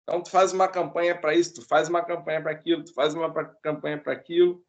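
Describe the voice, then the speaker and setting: A man's voice: on the high side, little pitch movement, fast, muffled recording. A man in a prayer group who preaches informally, earnest and exhorting, with tag questions.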